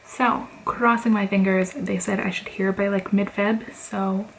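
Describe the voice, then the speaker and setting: Casting: young female vlogger, chatty and easygoing, lots of vocal fry, faint background noise. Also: medium pitch, steady tone, unhurried. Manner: chatty, frequent "like" fillers, laughs often. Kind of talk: casual vlog chat. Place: at home in her bedroom.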